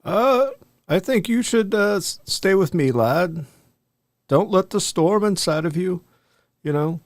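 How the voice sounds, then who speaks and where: A man's voice: high voice, lively intonation, measured pace, dry recording, clean studio sound. A man playing a paternal, slightly hesitant adventurer and healer in a tabletop fantasy game. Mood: fatherly caution. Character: fatherly adventurer healer calling companions lad.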